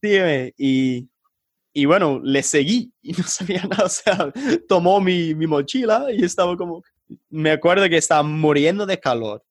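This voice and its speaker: Man telling stories in halting Spanish. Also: on the high side, no echo, studio quality. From England. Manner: hesitant, halting, animated anecdote telling. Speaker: podcast guest. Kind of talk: casual storytelling in an interview.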